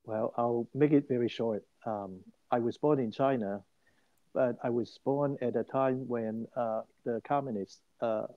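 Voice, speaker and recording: An older Hong Kong man, appearing as an interview guest, recounts his life story in an animated, emphatic way, often restarting his phrases. His voice sits at medium pitch, and the audio is narrow and tinny with no room sound.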